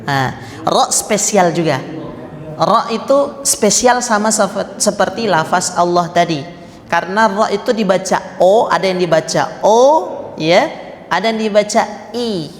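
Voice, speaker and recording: A man's voice: high voice, a little slow. A man teaching Quran recitation, patiently demonstrating and repeating each sound for his students. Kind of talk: slow step-by-step recitation lesson. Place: mosque. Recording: echoey room with long reverb.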